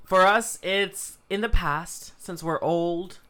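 A co-host in their twenties, chatting casually with a teasing, dramatic manner and quick quips. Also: medium pitch, fairly bright tone. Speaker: podcast co-host. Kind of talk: casual chat.

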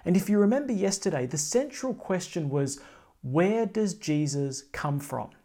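A man's voice: high-pitched, lively intonation, normal speed, warm tone. A man speaking as a priest at Mass, in a solemn, declamatory style of scripture reading and preaching. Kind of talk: liturgical scripture reading and homily.

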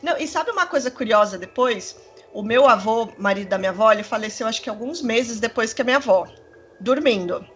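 Brief: woman, 30s, fairly high voice, rambling anecdote-teller in casual chat. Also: brisk, slight background noise. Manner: rambling, animated storytelling with many fillers. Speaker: storyteller in a conversation.

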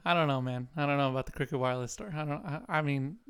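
A young man with a smooth, resonant voice, pitched a touch higher than most men. He chats casually and jokes around with a friend, telling stories with playful exaggeration. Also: very fast. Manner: joking, animated storyteller who puts on a squeaky kid voice. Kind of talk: casual chat.

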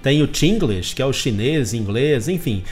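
A man's voice: medium pitch, animated, normal speed, over music. A man who teaches English, retelling a moment emphatically and jokingly in a casual chat.

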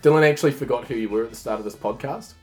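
A man's voice: medium pitch, rapid-fire, a little mellow. Blokey Australian man, music behind. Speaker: podcast host. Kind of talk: casual comedic chat.

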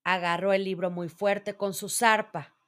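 Slow, gentle woman reading a storybook. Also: medium pitch, steady tone. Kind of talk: reading a children's storybook aloud.

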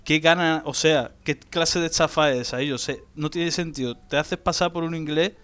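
A man's voice: on the high side, steady tone, moderate pace, a bit bright, clean tone. Blunt, swearing young man. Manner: blunt, swears freely, storytelling. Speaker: podcast co-host. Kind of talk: casual chat.

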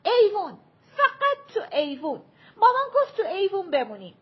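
A woman voicing an indignant young boy who complains and shouts in a raised, childish voice. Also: on the high side, sing-song, slightly rough, lo-fi sound. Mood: pleading. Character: whiny indignant young boy playing tag.

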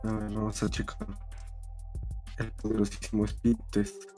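A man's voice: on the low side, completely flat delivery, measured pace, mellow, faint music behind. A young adult Mexican man in casual livestream chat, speaking with slang and some swearing.

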